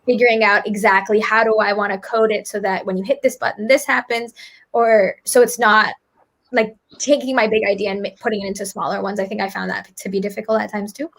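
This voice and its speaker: A woman's voice: mid-range voice, level tone, fairly quick, vocal fry, a bit bright. A young woman answering interview questions, reflective and casual, with many "like"s and "I think"s. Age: young adult. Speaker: guest, student author and app maker.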